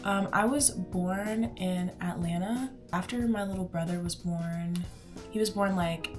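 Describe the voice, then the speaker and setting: Doing her makeup on camera, a woman in her twenties from Houston, Texas, keeps up a rambling, chatty stream of talk full of "like." She speaks a little slowly in a lowish voice, and music plays in the background.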